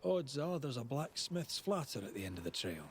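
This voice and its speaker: An actor playing a stern, composed ghost hunter in a video game, speaking in a terse, measured, matter-of-fact way. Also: male voice, mid-range voice, sing-song. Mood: watchful, grim. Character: stern, composed male ghost hunter, guarded but helpful. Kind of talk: dramatic video game voice acting. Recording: faint ambient noise behind.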